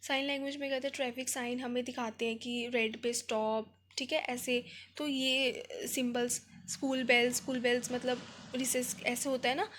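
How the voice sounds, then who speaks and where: A woman with an Indian accent teaching an exam revision lecture, explaining in Hindi mixed with English terms and reading headings out slowly. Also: fairly high pitch, flat delivery, a bit bright, a little hiss or hum.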